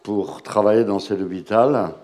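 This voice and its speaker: A man's voice: fairly low pitch, moderate pace, a little mellow. A middle-aged man informally introducing guests and interpreting for a congregation, hesitant and conversational, often checking in with little tags. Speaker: church host and interpreter.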